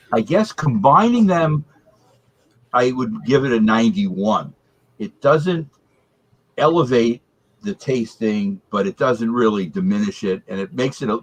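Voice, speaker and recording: Husky man with heavy echoey reverb. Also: on the low side, expressive. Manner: measured, gives scores point by point. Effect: reverb-heavy echoey sound. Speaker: beer and cheese taster on a group call. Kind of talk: casual spoken review. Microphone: video call microphone. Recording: echoey video-call audio.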